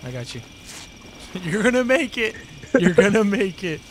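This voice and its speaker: A young man chatting casually during a co-op game, excitable, foul-mouthed and joking. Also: high-pitched, measured pace, low-quality recording. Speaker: video game player. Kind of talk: casual co-op gaming chat. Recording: gunfire and game noise behind voice. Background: video game gunfire.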